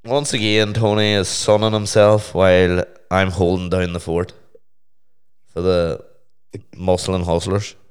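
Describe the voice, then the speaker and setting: Male podcast host, Northern Irish, low gravelly hoarse voice, sweary teasing banter. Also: level tone, unhurried. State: hoarse with tonsillitis. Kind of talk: casual bantering podcast chat.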